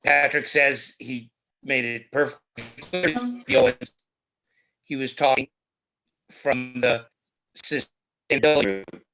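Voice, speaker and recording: A man speaking haltingly on a video call while his audio breaks up and cuts out. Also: medium pitch, very animated, vocal fry, sharp tone, muffled recording. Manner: halting, repeats words. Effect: call audio breaking up and cutting out. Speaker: committee member. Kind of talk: video call meeting discussion.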